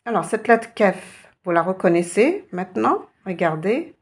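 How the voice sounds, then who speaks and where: A woman teaching letters in a slow, patient reading lesson, repeating each sound and asking the viewer questions. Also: medium pitch, very animated, slightly rough. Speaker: Arabic teacher.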